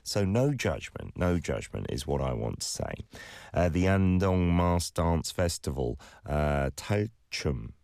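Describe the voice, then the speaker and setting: A Korean-speaking man hosts a radio show, reading entertainment news from a script and slipping into easygoing, chatty asides full of fillers between stories. His voice sits low, gravelly and darkish, very animated yet slow. The studio sound is clean with no echo.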